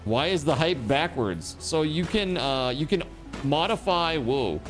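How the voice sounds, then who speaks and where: A man livestreaming and chatting casually with viewers, giving shout-outs in an excitable, hyped way with repeated words and exclamations. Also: fairly high pitch, unhurried, faint music behind. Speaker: live game streamer.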